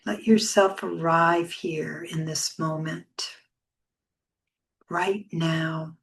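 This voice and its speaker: A yoga teacher guides a meditation, her voice soft, soothing and low, holding a steady tone. She leaves long, unhurried pauses between phrases.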